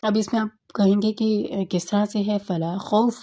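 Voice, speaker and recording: A woman tutor patiently explaining a tajweed lesson, often checking in with "okay", slowing down to recite verses. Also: medium pitch, fairly even intonation, warm tone. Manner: patient, repeats "theek hai" often; slows down to recite Quranic verses.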